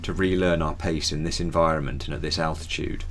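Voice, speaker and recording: Male vlog narrator, very low voice, scripted travelogue read over background noise. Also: fairly even intonation, brisk.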